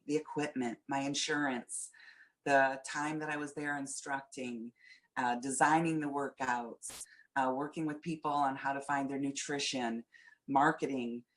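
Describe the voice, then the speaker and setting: A woman fitness coach giving an earnest, personal webinar testimonial from home over a webcam, with frequent fillers. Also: deep voice. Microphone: webcam on a video call.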